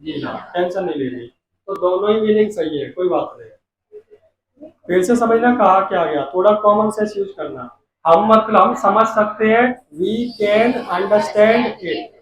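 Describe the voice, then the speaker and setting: A male teacher explaining an English lesson in Hindi. He reads the English sentences aloud and loudly, then breaks them down word by word and keeps quizzing the class. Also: high voice, expressive, normal speed. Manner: quizzes the class with repeated questions. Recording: roomy echo, far from the mic, noisy.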